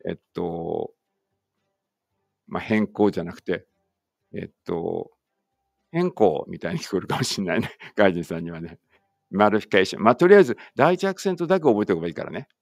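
A man's voice: low voice, lively intonation, creaky, a little mellow, no echo, studio quality. A male English teacher whose first language is Japanese reads a vocabulary list aloud word by word, dropping casual explanations between items. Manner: deliberate word-by-word drill reading with chatty asides.

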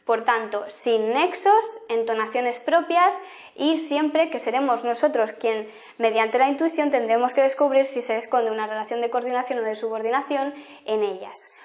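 Woman teacher explaining grammar, dull sound. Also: fairly high pitch. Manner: explanatory, repeats example sentences slowly. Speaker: language teacher.

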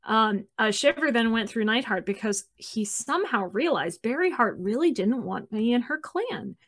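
A woman's voice: a little high, expressive, moderate pace, fairly bright tone. A woman hosting a casual chat, reading book passages aloud and joking about them. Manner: reads quotes with small character voices, laughs often. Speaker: host.

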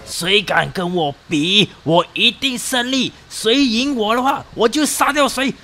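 A man voicing a menacing male contestant who threatens his rivals in slow, drawn-out words. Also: high voice, sharp tone, soft background music, full character voice.

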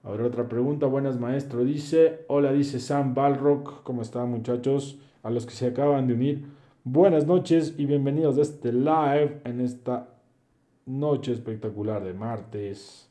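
This young streamer has a warm, steady, mid-range voice and talks a little slowly. He runs a live Q&A, voicing viewers' comments aloud and replying in a blunt, preachy, slangy manner.

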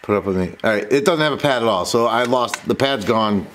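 At an indoor workbench, a man hosts a casual repair tutorial in a lowish voice at a fairly quick pace. He rambles and interrupts himself as he works through the hands-on steps, with a noticeable steady background noise.

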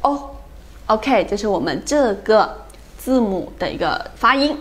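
A woman leads an English phonics lesson with real animation, her voice sitting in the mid range. She drills every sound slowly and checks in with her students frequently.

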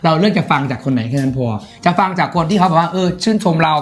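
A man with an Isan Thai accent, hosting a live-sale stream and chatting with fans in a teasing, rough-spoken way, with music under his voice. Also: on the high side, animated, rapid-fire. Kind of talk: casual chat with fans.

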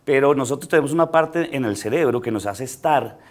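Medium-pitched and brisk, the middle-aged comedian from Colombia chats casually as a studio talk show guest, telling a story from his own life with many pauses of hesitation and bursts of laughter.

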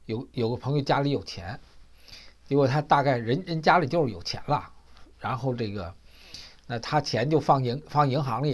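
A man hosting casual political commentary. He tells stories, acts out the dialogue with rising emphasis, and often repeats and restarts his words. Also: medium pitch. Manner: storytelling, acting out quoted dialogue with rising emphasis; frequent repetitions and restarts.

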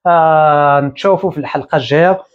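A man in his thirties with a Moroccan Arabic accent, teaching English at a whiteboard and repeating each word slowly. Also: fairly high pitch, lo-fi sound. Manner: explains slowly, repeating words and drawing them out. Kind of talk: whiteboard lesson. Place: small room indoors at a whiteboard.

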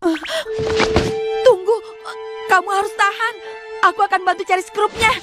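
A woman's voice: extremely high pitch, steady tone, normal speed. A woman voicing a whiny, anxious young schoolboy in a cartoon dub. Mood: worried, determined. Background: music.

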